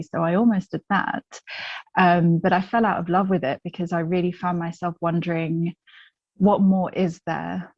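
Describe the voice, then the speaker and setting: A woman with a lowish voice speaks as a podcast guest, candid and chatty, often pausing on an "um" before she goes on. The sound is dry and a bit dull, like a lo-fi remote line. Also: a little mellow, no echo. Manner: chatty and candid, with frequent ums and restarts. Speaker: guest, positive psychology coach. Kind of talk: casual conversational interview.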